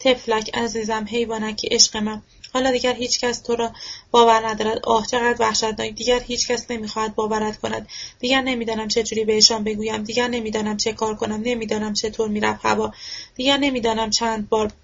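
A woman's voice: on the high side, little pitch movement. A woman voicing a distraught widow who pleads repeatedly and tearfully, in a dull lo-fi recording. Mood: grieving.

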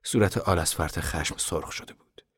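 A male narrator reads a novel in a calm, measured manner, sometimes sinking toward a hush. His voice is extremely deep, recorded close with a dry, roomless sound. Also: husky, no room sound. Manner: calm, measured storytelling, at times hushed. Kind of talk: audiobook narration.

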